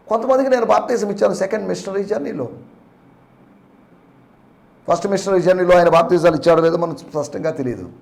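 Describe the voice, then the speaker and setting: A male pastor preaching a sermon, with emphatic rises and soft drops, and English phrases mixed in. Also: high-pitched, gravelly.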